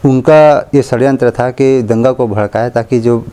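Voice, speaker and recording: A man's voice: mid-range voice, steady tone, unhurried, warm tone, clean tone. A man interviewing a politician, politely putting pointed questions to her.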